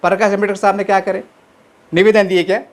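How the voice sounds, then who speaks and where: Man, high voice, impassioned political commentary, rhetorical questions. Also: flat delivery, fast. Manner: fires rhetorical questions and answers them himself.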